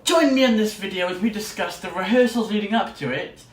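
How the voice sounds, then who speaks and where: His voice sits high and moves fairly quickly as this young adult student vlogger chats casually and enthusiastically, rambling on to camera. The recording has roomy echo, faint noise, and a distant mic.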